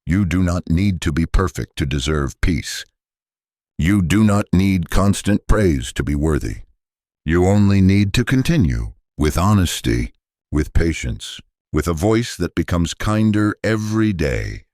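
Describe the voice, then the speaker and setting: A man giving a calm repeat-after-me English lesson, speaking gently and deliberately in a soothing tone. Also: sits low, dry recording, clean studio sound. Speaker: English teacher.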